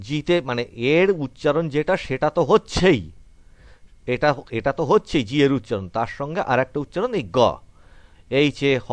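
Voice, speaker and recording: Bengali guy teaching english online, goes step by step, keeps asking "right?", voice a bit high, dry mic. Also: no echo. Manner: explains step by step, checks in with "right?". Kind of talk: online class lesson.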